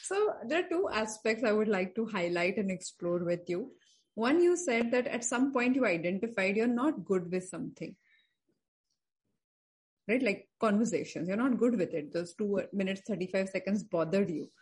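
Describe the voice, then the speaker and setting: A woman's voice: medium pitch, lively intonation, normal speed, a little mellow. A woman hosting a podcast, asking probing questions and affirming her guest. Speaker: podcast host. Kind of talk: interview questions.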